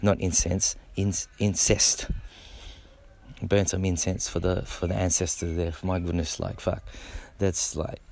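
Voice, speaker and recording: A man's voice: low-pitched, level tone, moderate pace, vocal fry, hardly any pauses, darkish tone. A middle-aged man who breakdances, talking to camera in a laid-back, rambling way, swearing freely and repeating words. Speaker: b-boy. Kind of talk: casual monologue to camera.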